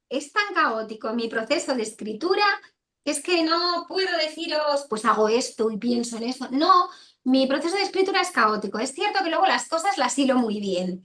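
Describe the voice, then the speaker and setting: A woman's voice: high-pitched, sharp tone, slight background noise. A woman author answering interview questions over a video call, rambling and correcting herself and often repeating phrases. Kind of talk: casual spoken interview answers.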